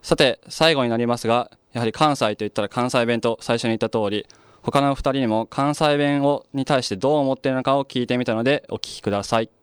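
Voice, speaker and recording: Smooth-voiced young male host. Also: medium pitch, dry recording, studio quality. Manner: measured, reflective delivery with occasional fillers. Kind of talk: scripted feature narration.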